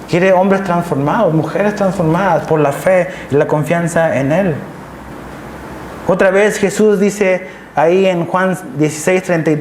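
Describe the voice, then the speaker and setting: Emphatic high-voiced male pastor preaching. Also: darkish tone, slight background noise. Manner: emphatic, repeats key phrases and asks the congregation "¿ves?". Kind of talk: sermon. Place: church hall, live service. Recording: echoey church hall with faint ambience.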